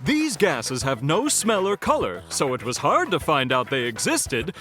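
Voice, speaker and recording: A man's voice: a little high, wildly swooping pitch, measured pace, a bit bright, soft background music, full character voice. A man voicing an earnest, nerdy male moose scientist who lectures eagerly and laughs nervously in a cartoon. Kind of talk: cartoon voice acting.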